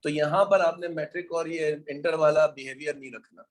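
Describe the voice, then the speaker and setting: A man's voice: on the high side, steady tone, brisk. A man lecturing an economics class in an informal way, teasing his students and calling them brother and son.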